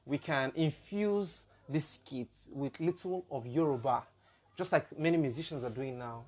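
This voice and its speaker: A man's voice: a little high, a little slow, a little mellow. Nigerian man hosting a podcast chat. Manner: discursive, builds points with examples. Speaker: podcast host. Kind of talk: casual podcast discussion.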